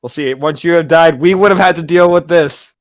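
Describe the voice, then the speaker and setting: Dry, close-sounding game master, mid-pitched. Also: brisk, no echo. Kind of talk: casual tabletop game narration and banter.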